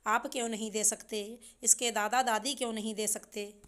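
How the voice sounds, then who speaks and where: A woman's voice: a little high, fairly even intonation, moderate pace, fairly bright tone, lightly acted. A woman voicing a young daughter-in-law and new mother, speaking in a pleading, tearful complaint. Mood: aggrieved.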